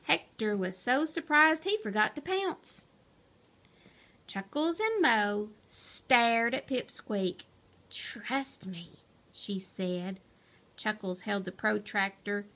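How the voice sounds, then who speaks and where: A woman reading a children's picture book aloud with expressive storytelling. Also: a little high, takes it slowly. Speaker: storybook reader.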